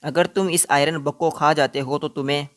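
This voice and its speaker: A man's voice: on the high side, steady tone, normal speed, a bit bright, close to an everyday voice. A man doing a ruthless female plant spirit. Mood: scheming.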